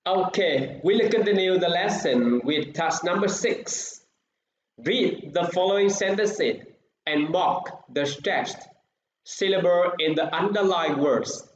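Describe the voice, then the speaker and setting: A man with a Vietnamese accent teaching an English lesson, speaking slowly and clearly in English and switching to quicker Vietnamese explanations. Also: high voice. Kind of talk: bilingual classroom lesson. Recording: echoey, dull, faint hiss.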